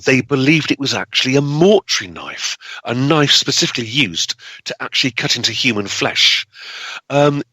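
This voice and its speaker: A man's voice: medium pitch, bright, forceful tone, slightly rough, no room sound, poor audio. A man speaking as a guest historian, telling a story dramatically and repeating words for emphasis. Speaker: guest historian and tour guide.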